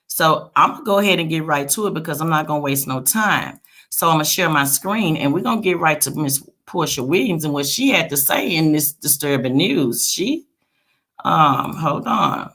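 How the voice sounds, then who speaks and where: A woman hosting a casual celebrity gossip livestream, chatting straight to her viewers with frequent check-in tags like a quick okay. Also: low voice, lively intonation, a bit bright.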